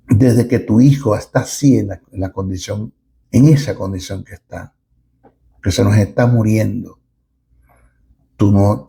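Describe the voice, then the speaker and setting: A middle-aged man preaching a sermon as a pastor, emphatic and with dramatic pauses. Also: on the low side, vocal fry, mellow, breathy edge.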